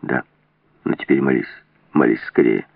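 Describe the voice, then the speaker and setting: A man voicing a tormented, menacing outlaw in an audiobook, talking in a halting, rough, grim way. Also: extremely low pitch, fairly even intonation, no room sound, pitched below the performer's own voice, exaggerated voice. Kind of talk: audiobook role reading. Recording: tinny dry lo-fi audio.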